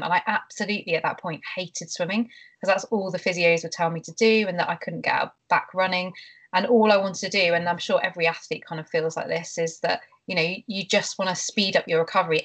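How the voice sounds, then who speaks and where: A woman's voice: fairly low pitch, steady tone, quick pace, fairly bright tone. Lady guest on a podcast, lots of ums and restarts, easygoing chat. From England. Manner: hesitant, many fillers and restarts. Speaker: guest nutritionist and triathlete. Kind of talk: casual interview talk.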